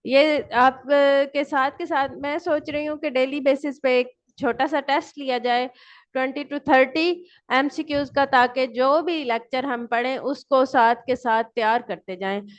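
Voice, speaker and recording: A woman lecturer giving an online class, who asks her students questions and answers them herself. She reads English definitions out slowly and explains them in Urdu. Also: high voice, fairly even intonation. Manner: switches between English and Urdu. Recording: dull lo-fi recording.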